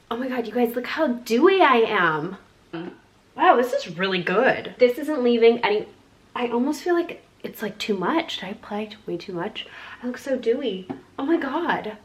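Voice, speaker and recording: A young woman who grew up in Singapore, chatting in a bubbly, gushing way as she unboxes skincare products for her channel. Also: a little high. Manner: bubbly, chatty, lots of "like" and "oh my God". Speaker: beauty YouTuber. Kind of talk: sponsored skincare unboxing vlog.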